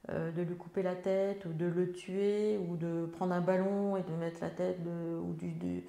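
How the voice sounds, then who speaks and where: A woman's voice: lowish voice, little pitch movement, measured pace, gravelly, warm tone, echoey room. A woman, an elected member of parliament, answering interview questions in a hesitant way with many fillers and restarts.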